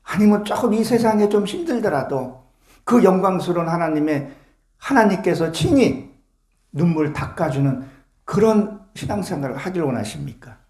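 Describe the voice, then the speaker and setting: A man's voice: high voice, animated, moderate pace, a little mellow, reverberant. A male pastor preaching a sermon to his congregation, fervent and full of rhetorical questions. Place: church sanctuary with congregation.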